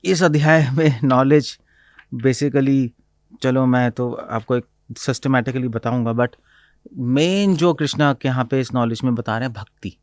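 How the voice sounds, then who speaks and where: Male spiritual teacher, middle-pitched, dry close recording, explains verses mixing Hindi and English. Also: measured pace, no room sound. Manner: mixes Hindi and English, quotes Sanskrit verses, laughs often. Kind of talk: explaining scripture in conversation.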